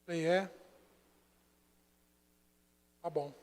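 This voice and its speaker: A Brazilian man preaching as a pastor, telling a story and swinging between hushed and loud passages. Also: on the high side, steady tone, brisk. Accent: Brazilian Portuguese. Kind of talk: sermon. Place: church sanctuary. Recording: long church hall reverb.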